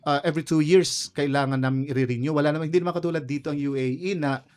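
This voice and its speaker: A man's voice: on the high side, fairly even intonation, fast, a little mellow, smooth. Man telling his life story. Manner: storytelling, switching between Tagalog and English. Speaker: interview guest. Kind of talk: conversational radio interview.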